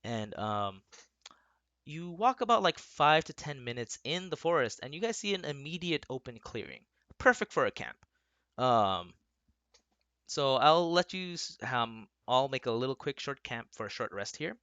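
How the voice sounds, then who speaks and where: A young man narrates a tabletop game as its dungeon master, pausing often with ums as he lays out options. His voice is bright and lively in pitch and his delivery is slow. The sound is dry and close. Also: no echo, lo-fi sound. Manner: hesitant, full of ums.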